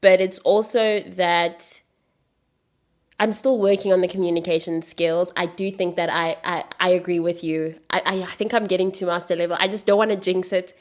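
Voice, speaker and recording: A woman's voice: lowish voice, fairly even intonation, moderate pace. A woman in her late twenties hosting a podcast. She speaks earnestly in casual conversation and often repeats words as she starts sentences. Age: late 20s. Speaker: podcast host.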